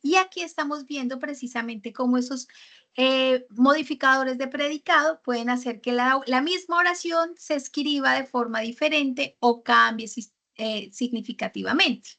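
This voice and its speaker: A woman leads a writing workshop lesson. Her voice sits high and sounds bright and clear. She walks through grammar with example sentences, pausing on fillers and checking in with her students. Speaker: teacher.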